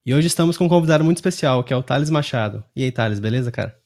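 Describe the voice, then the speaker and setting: A man's voice: medium pitch, animated, rapid-fire, a little mellow. A man with a Brazilian Portuguese accent hosting a casual podcast interview. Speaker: podcast host.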